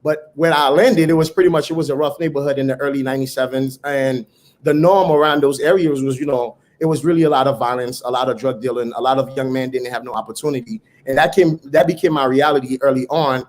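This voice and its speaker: A man's voice: medium pitch, fairly even intonation, quick pace, a little mellow. A middle-aged man from Haiti, a startup founder telling his story in an earnest, motivational way as an interview guest. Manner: earnest, motivational, occasional repeated words. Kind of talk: conversational interview.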